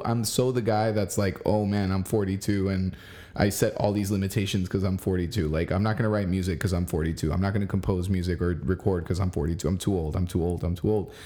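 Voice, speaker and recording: A man's voice: fairly low pitch, mellow. A man in his forties in casual chat, encouraging and emphatic, speaking straight to the listener. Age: 40s.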